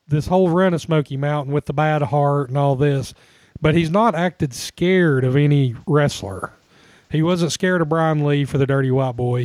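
Guy chatting on a podcast, kinda high voice, dry close mic, laughs a lot. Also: darkish tone, dry recording. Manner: chatty, laughs often, rambling restarts. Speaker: podcast co-host. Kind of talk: casual chat about wrestling.

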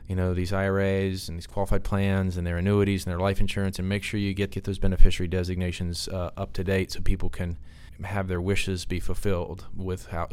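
A man giving off-the-cuff expert advice as a podcast guest, halting and repeating words as he explains. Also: deep voice, darkish tone, clear, resonant tone. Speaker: podcast guest, financial consultant.

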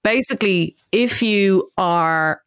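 A woman's voice: mid-range voice, slow, clean tone, dry recording, studio quality. An Irish woman co-hosting a podcast in casual chat, with a sweary, self-mocking manner. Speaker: podcast co-host.

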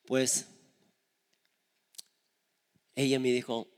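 A man's voice: medium pitch, little pitch movement, extremely slow, clean tone, big-room sound. A man preaching a sermon, telling stories earnestly and acting out the voices of the people he quotes. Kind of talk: sermon with storytelling.

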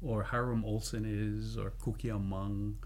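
A man telling stories in a casual chat, laughing often and animated when he acts out quotes. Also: on the low side, measured pace, a little hiss or hum. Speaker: musician guest.

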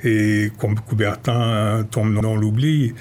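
Man, fairly low voice, radio guest, storytelling, restarts. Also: level tone, takes it slowly, a little mellow. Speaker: guest speaker on history. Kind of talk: casual radio conversation.

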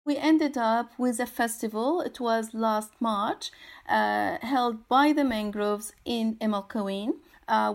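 Halting Syrian-born woman artist speaking. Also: fairly high pitch. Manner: halting, many fillers and repeated words. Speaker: guest, artist. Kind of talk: interview answers.

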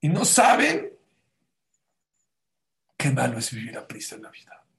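Rabbi guy teaching torah, kinda high voice, gets loud then goes all hushed, lots of rhetorical questions. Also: measured pace, creaky. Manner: animated, swings between loud outbursts and hushed asides, many rhetorical questions. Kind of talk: lively Torah lesson.

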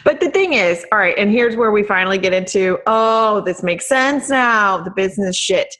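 A woman's voice: mid-range voice, expressive, normal speed, a bit bright. Woman, podcast co-host, casual chat, sassy, emphatic, swears freely.

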